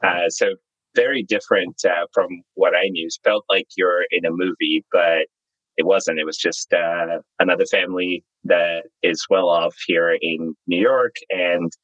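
A Zimbabwe-born man in his thirties, a startup founder, tells his life story in a candid, relaxed way. His voice is very low and recorded close and dry. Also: no echo, low-quality recording. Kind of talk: interview guest, storytelling.

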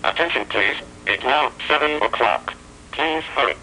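A male talking alarm clock, voiced by a man, reads out the time in stiff, clipped announcements built from spliced together words. Each word is set in place on its own, with no flow between them. The sound is an old radio ad with clear noise behind the voice. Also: mid-range voice, animated, moderate pace. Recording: noisy old radio ad audio.

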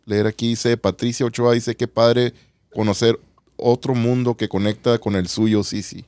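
A man's voice: medium pitch, flat delivery, moderate pace, darkish tone, no room sound. Man hosting a casual livestream. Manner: repeats short affirmations and tags phrases with "¿verdad?". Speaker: livestream host.

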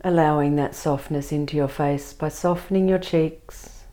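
A woman leading a guided meditation and body scan in a soft, soothing, gentle voice, speaking in short, spaced phrases. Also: low voice, steady tone, moderate pace.

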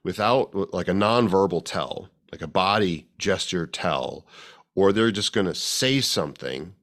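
A man's voice: low-pitched, lively intonation, unhurried, fairly bright tone. A man co-hosting a casual podcast chat as a fitness coach, rambling with many restarts and fillers.

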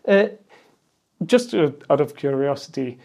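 A man hosts a podcast interview from a festival booth, asking questions casually and easily. His fairly high, darkish voice is animated, a little slow and has vocal fry.

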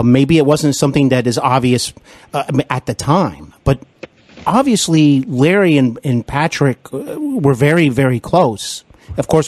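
A podcast host conducts a conversational interview, effusive and deferential, frequently feeling his way through what he wants to say. His voice is fairly high with a darkish tone, and there is no echo.

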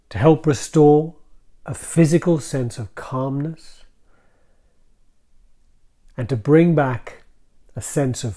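A man guiding a calm grounding exercise in a gentle, soothing manner, leaving deliberate pauses between short phrases. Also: medium pitch. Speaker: mindfulness practice guide.

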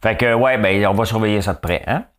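A man's voice: fairly low pitch, fairly quick, slight background noise. A man with a Quebec French accent and a nasal voice, hosting a casual, joking commentary monologue and tagging his sentences with "hein". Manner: chatty, joking, fills talk with "hein". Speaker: show host.

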